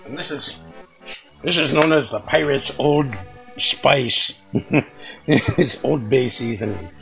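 Folksy gravelly man cooking at home. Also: fairly low pitch, rough recording. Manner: folksy, chatty, with occasional pirate jokes. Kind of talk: casual cooking demonstration in pirate costume. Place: home kitchen, indoors. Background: sizzling frying pan and music.

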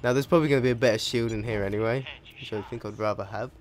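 A man giving casual let's play commentary while gaming, chatty and profane, with sudden excited yelps. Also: fairly low pitch, rapid-fire. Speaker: gaming video creator. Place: home room.

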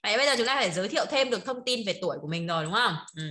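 Female teacher, rapid patter, bright tone, online class, constant check-ins. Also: mid-range voice, lively intonation. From northern Vietnam. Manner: checks in constantly with short tag questions, laughs often. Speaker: Chinese teacher. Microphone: online video call.

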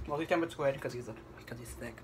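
A young man talking casually in a home kitchen vlog, rambling with many pauses and ums. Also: medium pitch, background noise. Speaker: vlogger. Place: home kitchen at night, indoors. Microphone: camera on the counter.

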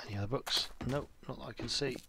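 Fast-talking and mid-range with some vocal fry, this male gaming YouTuber narrates a survival game let's play, muttering and cursing mildly to himself. Loud game audio plays behind him.

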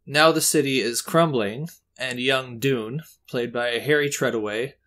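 A man talking through a movie review in an easy, chatty way. His pitch sits in an ordinary middle range, and he drifts into small joking asides about himself as he goes. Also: unhurried. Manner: chatty, self-deprecating, relaxed asides. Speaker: host.

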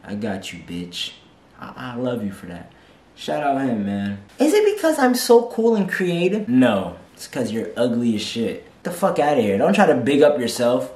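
This twenty-something man hosts a reaction video from a couch in a small room, his commentary brash, mocking and profane. His mid-range voice is sing-song and a little mellow at a moderate pace, and the recording has an echoey room sound.

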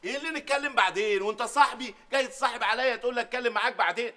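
An actor playing an exasperated, bossy bazaar owner with an Egyptian accent, scolding in rapid sitcom banter. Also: male voice, very high voice, pushed and bright. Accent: Egyptian Arabic. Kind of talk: sitcom acting.

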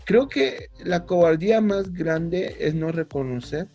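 A man's voice: high-pitched, measured pace, mellow, soft background music. Hesitant young man. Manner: reflective, hesitant with many fillers. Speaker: podcast co-host. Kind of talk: casual chat.

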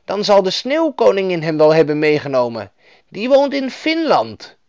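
A man voicing a caring old woman of the far north, in a high, fussing voice. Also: big pitch swings, moderate pace, darkish tone, clear, resonant tone, no room sound, lo-fi sound.

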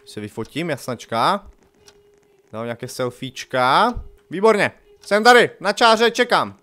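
Excitable high-voiced gaming youtuber man. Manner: excitable and jokey, big swings from loud outbursts to muttering, slangy. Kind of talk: casual let's-play commentary.

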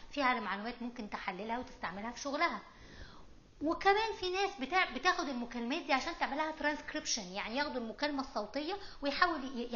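Speaking to camera for her political explainer series, a middle-aged Egyptian-accented host gives emphatic, informal explanations peppered with English terms. Her fairly high, slightly bright voice comes through lo-fi sound with slight background noise.

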